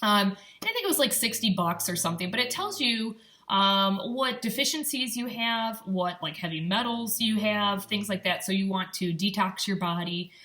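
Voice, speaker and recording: Speaking at medium pitch with a bright, forceful tone, a young vlogger from Michigan chats in an upbeat, encouraging way. Her light Upper Midwest American accent comes through, and her casual talk is loaded with ums and likes.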